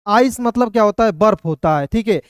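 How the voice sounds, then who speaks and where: A man teaching a video lesson, explaining patiently step by step, often asking his viewers a quick question and then answering it himself. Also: sits high, lively intonation, clear, resonant tone, no room sound, studio quality. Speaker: English teacher.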